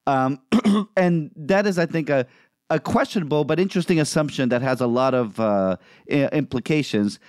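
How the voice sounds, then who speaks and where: A man co-hosting a podcast discussion, laying out his points in a measured, thoughtful way with some restarts. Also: fairly high pitch, a little mellow, clear, resonant tone, no echo, studio quality. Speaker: podcast co-host.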